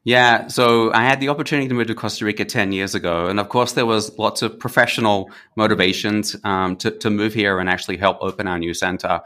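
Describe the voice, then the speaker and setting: Bright-voiced Australian man, chatty guest. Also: fairly low pitch, fairly even intonation, brisk, few pauses. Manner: friendly, with frequent fillers and restarts. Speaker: podcast guest. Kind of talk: conversational interview.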